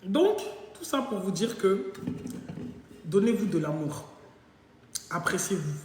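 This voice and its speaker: A woman tells a funny personal story to her live viewers, switching between her own voice and the other person's. Her delivery is playful and animated. The sound bounces around a bare, very echoey room, and the reverb hangs on after each phrase. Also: medium pitch, slow, a little hiss or hum. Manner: animated, jokey, acts out both sides of dialogue. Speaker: live-stream host. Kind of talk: casual storytelling monologue.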